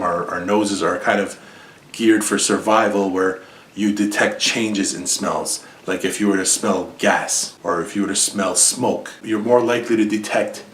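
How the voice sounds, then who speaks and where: A man's voice: lowish voice, a bit bright, echoey room, distant mic, slight background noise. A man hosting a casual review vlog, talking in a conversational, opinionated way and repeating points for emphasis. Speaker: fragrance reviewer. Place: home in New Jersey.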